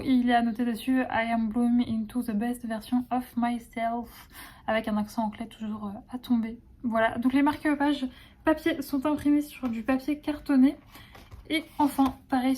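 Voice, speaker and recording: A woman's voice: high voice, warm tone. A woman illustrator chatting casually in a vlog, gushing and affectionate about the things she made, with lots of filler words. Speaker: illustrator presenting her own collection.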